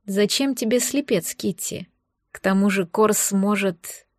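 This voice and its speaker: A woman voicing a blind, wounded male elf in an audiobook, speaking softly, slowly and tenderly. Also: high voice, no echo, studio quality. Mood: weary. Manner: soft, slow, tender.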